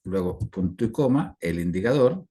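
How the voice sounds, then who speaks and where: A man's voice: low-pitched, lively intonation, normal speed, mellow. A Chilean man teaching an online class over a video call, rambling with fillers and constantly checking in with his students. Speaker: instructor.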